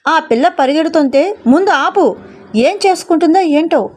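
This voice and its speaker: A woman voicing an angry older man who shouts and scolds in a storybook reading. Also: high voice, animated, normal speed. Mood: scolding.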